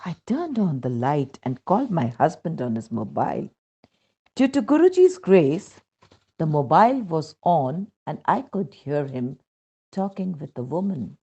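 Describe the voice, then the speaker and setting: Reading a scripted devotional testimonial aloud, a woman with an Indian accent narrates slowly in a low, mellow, slightly rough voice. Her delivery is measured and story-like, with expressive rises and falls. The recording is dull, muffled and lo-fi.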